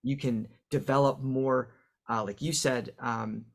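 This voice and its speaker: Gravelly-voiced man explaining how voices work. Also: mid-range voice, fairly even intonation, measured pace. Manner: teaching, explains with examples and fillers. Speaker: voice coach guest. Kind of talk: explanatory podcast interview.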